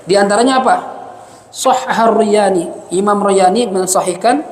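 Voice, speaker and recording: Chatty high-voiced preacher, echoey. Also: male voice, unhurried. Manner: joking, chatty, reads Arabic then explains it. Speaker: religious teacher. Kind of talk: mosque study lecture. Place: mosque hall. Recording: echoey mosque hall.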